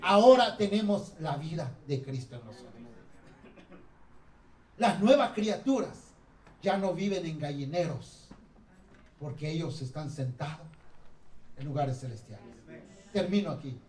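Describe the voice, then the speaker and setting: A man preaching a sermon, lively and acting out quotes and jokes. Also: fairly high pitch, a little slow, long pauses. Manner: animated, acts out quotes and jokes. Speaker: pastor. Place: church hall. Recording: echoey hall from far off.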